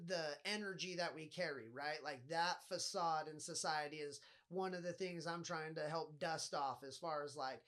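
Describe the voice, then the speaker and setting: Brief: fairly high-voiced nasal man, loose profane podcast monologue. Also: normal speed, fairly bright tone. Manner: rambling, swears often. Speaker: podcast host. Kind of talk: casual solo podcast monologue.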